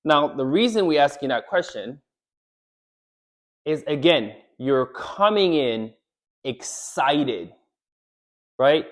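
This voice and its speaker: A man giving relationship advice straight to the camera, animated, often checking in with "right?" and acting out what a wife might say. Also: on the high side, slow, pauses often. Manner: animated, repeats "right?", acts out quoted lines. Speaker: relationship coach. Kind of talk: direct-to-camera advice talk.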